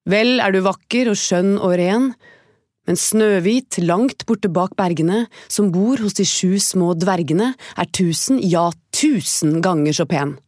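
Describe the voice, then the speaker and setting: A solemn magic mirror from a storybook, spoken by a woman reader, slow and measured. The tone is mellow. The room sound is dry and close. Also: medium pitch, no echo, natural voice.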